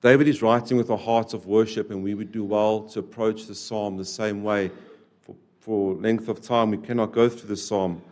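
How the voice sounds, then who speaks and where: A man preaching a sermon to a church, repeating key phrases and swinging between loud, stressed lines and quiet, dropped endings. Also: fairly low pitch, fairly even intonation, moderate pace. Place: church service.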